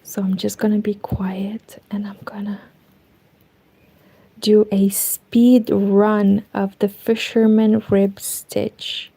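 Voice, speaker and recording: In a home room with curtains, a woman streams herself knitting and chats casually with viewers in a Romanian accent. She speaks slowly in a flat, mid-range voice that is gravelly and mellow with a breathy edge, rambling, addressing herself, and drifting into whispers.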